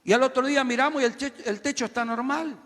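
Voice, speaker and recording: High-pitched preacher in an echoing hall. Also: male voice, steady tone, quick pace. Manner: builds to loud shouted exhortations. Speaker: pastor. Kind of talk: sermon.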